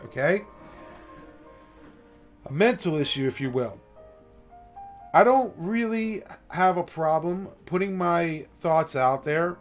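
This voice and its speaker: A man with a somewhat raised pitch gives a passionate, emphatic monologue on a late-night stream, often pausing to check in with a pointed "okay?". Faint classical music plays softly behind him.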